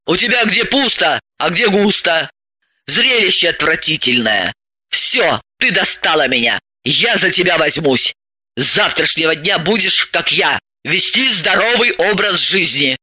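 A man's voice: on the high side, big pitch swings, a little slow, sharp tone, dry recording, exaggerated voice. Man voicing a bossy, mocking woman. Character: bossy, sardonic woman psychoanalyst.

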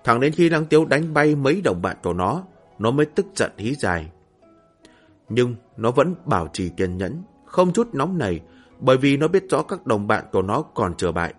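Male narrator, husky tone, steady read over faint music. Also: mid-range voice, normal speed. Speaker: audiobook narrator. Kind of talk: scripted fantasy novel narration.

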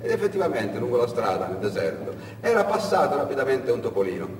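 A man's voice: mid-range voice, big pitch swings, fast, a little hiss or hum. A man telling a story aloud in a dramatic theatrical style. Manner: dramatic, varied delivery. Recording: echoey hall from far off.

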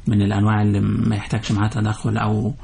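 Gravelly, low Egyptian doctor. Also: male voice, very fast. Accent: Egyptian Arabic. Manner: calm, explanatory. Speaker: orthopedic surgeon guest. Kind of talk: medical advice on radio.

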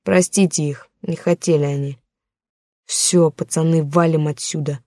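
A woman reading the part of a gruff young male gang leader giving curt orders in an audiobook. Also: deep voice, fairly even intonation, measured pace, dark tone, no room sound, studio quality. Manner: curt, commanding.

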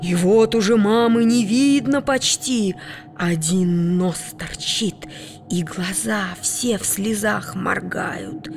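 A woman narrating a children's audiobook in a playful way, with hushed asides. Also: medium pitch, slow. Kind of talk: expressive children's story reading. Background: music.

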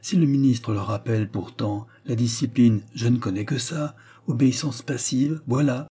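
A man reading aloud and voicing a gruff older forester father, who reasons in a halting, rambling way. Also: mid-range voice, warm tone. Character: gruff old forester father, awkward and pleading.

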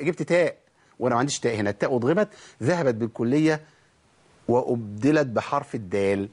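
A man's voice: mid-range voice, a little mellow, breathy edge. A man with an Egyptian accent teaching Quran recitation, asking questions and answering them himself, and repeating words to show how letters sound. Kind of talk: recorded recitation lesson.

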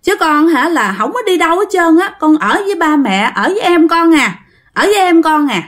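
A woman's voice: very high voice, big pitch swings, moderate pace, fairly bright tone, voice pushed up, exaggerated voice. A woman with a Southern Vietnamese accent voicing the ghost of a neglected young girl, tearful and pleading in a childlike way. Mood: stubborn pleading.

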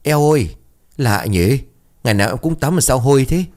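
A man voicing a dim, cheeky young male sidekick in a spoken ghost story, with a whiny, excitable voice. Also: moderate pace, lightly acted. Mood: excited. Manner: whiny, excitable, high-pitched.

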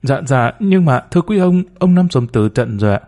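A man's voice: medium pitch, animated, fairly quick, mellow, lightly acted. A man voicing a timid, humble woman of about forty who speaks deferentially, hesitant and pleading.

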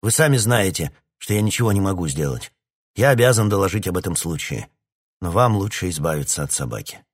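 A man reading an audiobook, voicing a stern, weary male officer who gives curt orders and shouts when pushed. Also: low-pitched, animated, fairly quick, breathy edge. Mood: exasperated.

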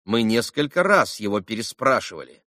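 A man voicing a calm, insistent male prosecutor who questions the accused deliberately in an audiobook. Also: fairly low pitch, dry recording, clean studio sound.

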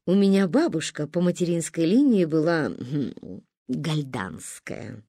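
A woman's voice: low-pitched, expressive, a little slow, warm tone, husky, dry recording, studio quality, full character voice. A woman reading the part of a timid, overly polite man who gets easily flustered.

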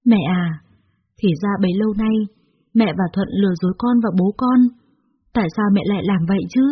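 A woman plays a wounded young daughter who questions her mother through tears. Her voice comes out breathy. The storybook audio sounds dull and muffled. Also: mid-range voice, brisk, natural voice. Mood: tearful. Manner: tearful reproach.

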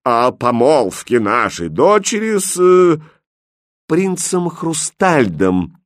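A man's voice: fairly high pitch, big pitch swings, slow, dry recording, studio quality, voice pushed up. A man reading aloud and voicing a weak-willed, whining old king in a fairy tale. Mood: pompous. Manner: whining, moaning, flustered.

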